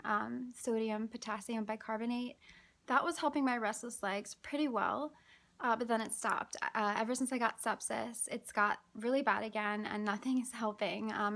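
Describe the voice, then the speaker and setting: A woman talking casually to her vlog viewers, exhausted and out of breath, with a weary, halting delivery and frequent sighs. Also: a little high, vocal fry, a bit bright. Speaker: vlogger.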